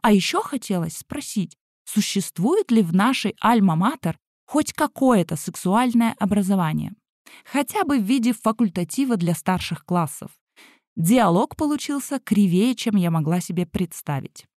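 A woman's voice: mid-range voice, normal speed, dry recording, clean studio sound. Wry woman telling a story. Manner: wry, ironic, deadpan asides. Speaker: school event organizer. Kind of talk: first-person humorous storytelling.

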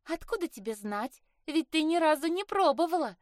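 Cheeky young mermaid sister, put on by a woman reader, higher and brighter, dry studio sound. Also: lively intonation, normal speed, dry recording. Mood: teasing. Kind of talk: audiobook character voice.

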